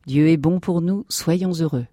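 A woman voicing a gentle, reassuring mother in a read-aloud story. Her hushed tone is low and mellow, and it is recorded close and dry. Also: unhurried, no room sound. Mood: tender.

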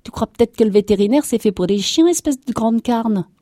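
A woman reader voicing a quick-tempered peasant farmwife who scolds loudly in rough country speech. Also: lowish voice, animated, no room sound, studio quality. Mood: scolding. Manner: loud rustic scolding.

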